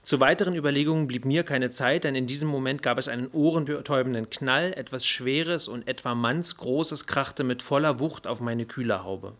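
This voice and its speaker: A man reading a first-person audiobook story in an even, measured way. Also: medium pitch. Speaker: audiobook narrator. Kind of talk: first-person scripted narration.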